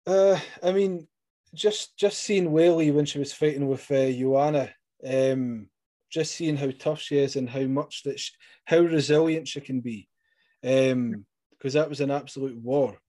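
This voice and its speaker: Scottish man, mellow voice. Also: mid-range voice, measured pace. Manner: chatty, encouraging, rambling questions. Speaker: interviewer. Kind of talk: sports interview.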